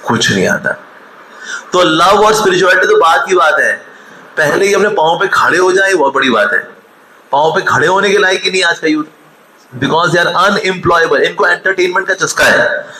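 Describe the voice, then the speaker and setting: A man's voice: high-pitched, lively intonation, measured pace, pauses often, pushed and bright, slight background noise. A man in his forties giving a motivational talk, scolding and mocking, telling stories. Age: 40s. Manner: scolding, mocking, switching between storytelling and rebuke. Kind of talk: lively motivational talk with acted quotes. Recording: echoey hall, faint ambience.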